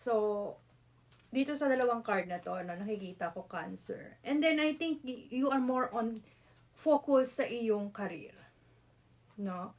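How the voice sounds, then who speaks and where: A woman's voice: fairly high pitch, expressive, unhurried, a little mellow. A woman with a Filipino accent doing a casual tarot reading, chatty, mixing Tagalog and English with frequent "no?" tag questions. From Philippines. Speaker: tarot reader.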